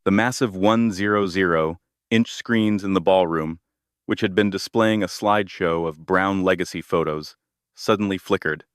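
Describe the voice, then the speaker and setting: A man with a very deep voice narrates a dramatic story. His delivery is even and steady. The recording is dry and close, with no room sound. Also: normal speed, clear, resonant tone, no room sound. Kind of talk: scripted narration.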